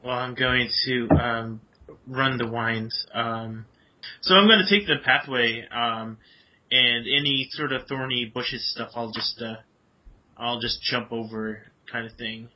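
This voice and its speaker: A man playing a tabletop storytelling game, talking hesitantly with many pauses. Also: mid-range voice, fairly even intonation. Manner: hesitant, lots of ums. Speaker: player. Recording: lo-fi podcast audio.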